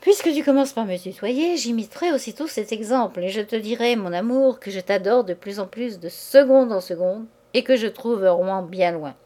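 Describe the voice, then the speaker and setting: A woman's voice: fairly high pitch, normal speed, few pauses, dark tone, close to an everyday voice. A woman voicing a playful young man who teases his new wife in a mock schoolboy manner. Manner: mock schoolboy stammer, childish "na?".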